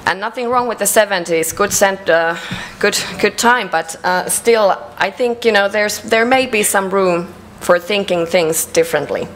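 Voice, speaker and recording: A woman with a Finnish accent giving a conference presentation, measured and hesitant, with frequent fillers. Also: mid-range voice, a bit bright, a little hiss or hum, low-quality recording. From Finland. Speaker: conference speaker. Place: conference hall.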